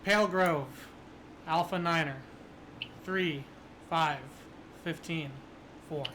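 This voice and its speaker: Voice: medium pitch, slow pace, noisy background, natural voice. Game master doing a robotic numbers-station voice. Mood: monotone. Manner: reads strings of code words and numbers in a flat monotone.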